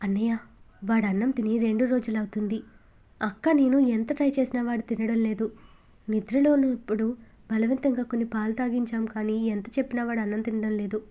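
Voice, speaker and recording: A woman's voice: fairly high pitch, fairly even intonation, brisk, dark tone, natural voice. A woman voicing a worried young woman who speaks tearfully and pleadingly. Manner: pleading, sorrowful.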